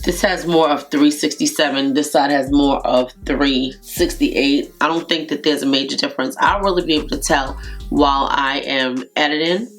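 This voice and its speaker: A low-pitched woman with a stuffy, nasal voice from being sick reviews her makeup in a loose, chatty way. She often repeats herself and keeps turning to her viewers. Faint music plays in the background. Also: a bit bright. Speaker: beauty vlogger. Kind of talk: casual makeup review to camera.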